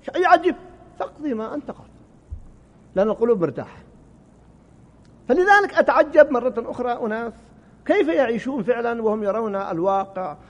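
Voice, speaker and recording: A man preaching a sermon, impassioned, his voice rising and falling, sometimes stumbling over and repeating words. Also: sits high. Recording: muffled hall recording with reverb.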